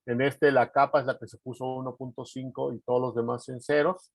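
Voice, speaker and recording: A man's voice: medium pitch, little pitch movement, brisk, no echo. A man giving a technical presentation in a meeting, often breaking off and restarting words.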